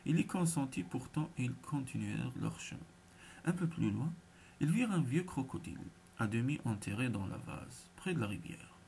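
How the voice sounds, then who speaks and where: Gravelly male storyteller. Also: medium pitch, lively intonation, normal speed, a little mellow, a little hiss or hum. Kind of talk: fairy tale reading.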